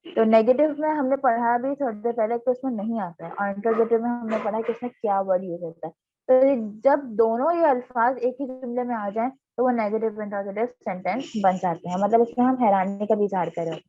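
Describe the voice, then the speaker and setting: A woman teacher giving a grammar lesson, explaining step by step, checking in often and reading example sentences slowly. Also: a little high, lo-fi sound. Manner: reads English examples slowly and deliberately. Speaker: English teacher.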